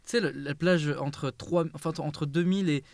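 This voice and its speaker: A young man chatting excitedly about cars in a casual conversation, swearing freely. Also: fairly high pitch, moderate pace, vocal fry, no room sound. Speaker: car youtuber. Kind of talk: casual chat.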